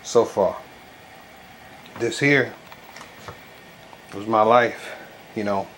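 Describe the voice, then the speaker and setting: A man talking casually and haltingly in a home product review, with a stuffy nose as if packed with gauze. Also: lowish voice, fairly bright tone. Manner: loose, colloquial, halting with frequent verbal tics. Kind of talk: casual rambling video review. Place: bedroom at home. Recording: noisy home recording, clear background noise.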